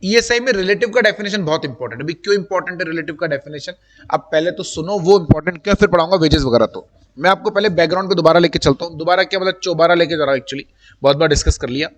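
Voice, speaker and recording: High-voiced male teacher in an echoey classroom. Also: very fast. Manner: chatty, talks directly to students, mixes in English terms. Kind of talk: live classroom lecture. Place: classroom with students. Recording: long room reverb.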